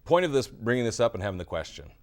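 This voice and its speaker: A man's voice: mid-range voice, sing-song, very fast. An American man hosting sports radio chat, moving topics along and putting questions to his co-host. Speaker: sports talk show host.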